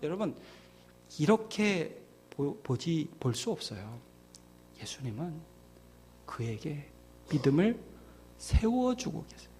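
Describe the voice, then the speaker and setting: A man's voice: fairly high pitch, very animated, takes it slowly, pauses often, mellow, breathy edge. A male pastor preaching a conversational sermon, acting out scenes and dropping to near-whispers for emphasis. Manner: conversational, acts out biblical scenes in voices.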